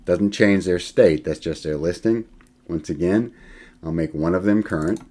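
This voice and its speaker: Keyboard clicks accompany this male instructor as he walks through software in a screen-recorded college lecture. His voice sits low and moves at normal speed, and he thinks out loud casually, with fillers and self-corrections.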